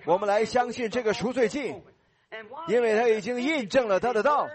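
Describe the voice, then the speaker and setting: Man, preacher, high voice, earnest pleading sermon, altar call, repeated blessings. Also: brisk.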